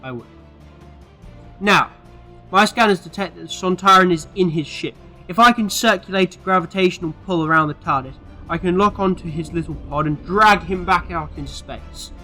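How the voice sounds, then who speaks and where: Guy acting as cocky eccentric time traveller, highish bright voice, theatrical, sci-fi audio drama with faint music. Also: moderate pace. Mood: confident, playful. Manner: theatrical, playful, self-assured. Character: eccentric, cocky, clever male time-travelling alien adventurer.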